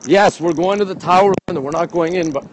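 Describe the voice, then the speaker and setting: Out on a city bridge beside a river, a man from Montreal, Canada chats quickly to his livestream audience in a high voice, in excitable spurts that repeat phrases. It's a casual walking tour caught on a windy phone with light outdoor noise.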